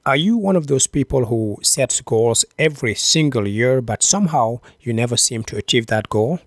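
A man hosting a podcast, giving a scripted motivational talk with deliberate phrasing and rhetorical questions. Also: mid-range voice, animated, dry recording, studio quality. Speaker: podcast host.

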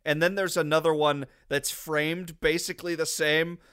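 A man's voice: a little high, flat delivery, normal speed, a bit bright, clear, resonant tone. A man co-hosting a horror film podcast, sardonic and exasperated in casual chat. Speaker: podcast co-host.

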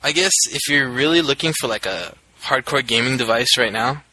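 Young male co-host, bright tone, hesitant, filler-heavy. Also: medium pitch, brisk, dry recording, low-quality recording. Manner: hesitant, many "like" and "I guess" fillers. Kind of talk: casual chat.

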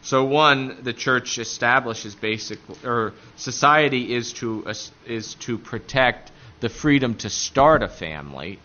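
A man with an Appalachian accent giving a religious lecture point by point, haltingly searching for words. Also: mid-range voice, lively intonation, sharp tone, highs cut off. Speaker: catechism teacher.

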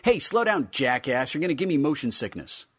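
A man's voice: on the high side, big pitch swings, a little fast, a bit bright, voice pushed up, heavily acted. A man voicing a cranky, smug teenage boy action figure who whines and swears. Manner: whiny, bratty, profane.

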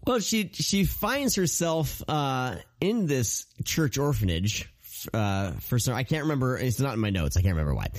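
A man recapping casually on a podcast panel in a hesitant, halting way. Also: mid-range voice, very animated, a little mellow, no room sound. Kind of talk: casual chat.

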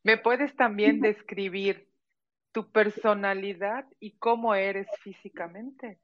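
A woman from Mexico with a Mexican accent interviews a guest and asks friendly, curious questions. She speaks slowly and clearly, at a middle pitch. Her voice comes through dull, lo-fi call audio. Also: steady tone. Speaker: interviewer, host. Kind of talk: slow conversational interview for learners.

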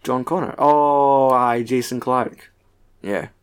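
A man's voice: mid-range voice, fairly even intonation, slow pace, clean tone. Scottish man in rambling, joking podcast chat. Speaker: podcast co-host. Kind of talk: casual film chat.

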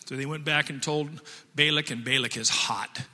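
Male pastor, sermon, folksy storytelling, slightly high pitch, long hall reverb. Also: fairly even intonation, moderate pace, pushed and bright.

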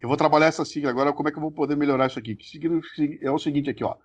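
A middle-aged man with a Brazilian Portuguese accent, a podcast creator telling his story in a casual, slangy, animated interview. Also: on the high side, racing, highs cut off.

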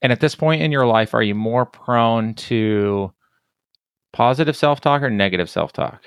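A man's voice: mid-range voice, normal speed, clear, resonant tone, dry recording. Chatty man hosting, dry sound. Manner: chatty, leans on 'like' and 'right?'. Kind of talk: casual conversational interview.

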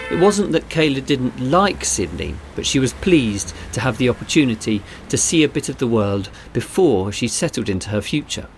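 A man reading a children's adventure story aloud in a measured storytelling delivery. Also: on the low side, a little hiss or hum. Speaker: narrator. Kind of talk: scripted narration.

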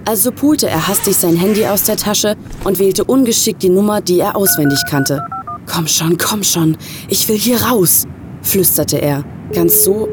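A woman with a fairly low voice narrates a horror short story with tense, atmospheric delivery. Clear street and traffic noise runs behind her throughout. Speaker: story reader.

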